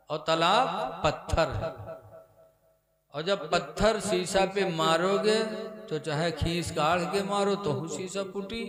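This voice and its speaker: A male preacher who tells stories in an animated, sing-song sermon style at a religious gathering. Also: sits high. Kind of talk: sermon storytelling. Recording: echoey hall with loud music.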